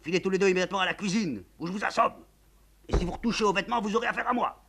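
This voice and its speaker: A man voicing a gruff, exasperated old general who barks orders in a play reading. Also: sits high, racing, bright, forceful tone, voice pushed up, heavily acted. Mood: barking. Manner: barking, irritable.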